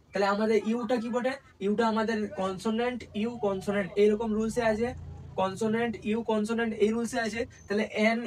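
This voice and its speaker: A man's voice: high voice, rough recording. Man teaching, quizzing himself aloud. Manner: repetitive, asks rhetorical questions and answers them. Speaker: English teacher. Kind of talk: classroom-style spelling lesson.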